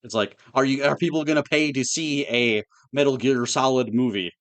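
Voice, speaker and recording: A man's voice: mid-range voice, moderate pace. A man co-hosting a podcast in casual chat, talking in an offhand, matter-of-fact way. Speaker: podcast co-host.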